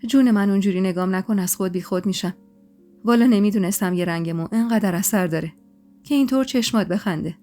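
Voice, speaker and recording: A woman's voice: medium pitch, mellow, lightly acted. A woman voicing a playful, jealous young husband in a spoken story, talking in a bantering, teasing way. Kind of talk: storytelling podcast. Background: faint music.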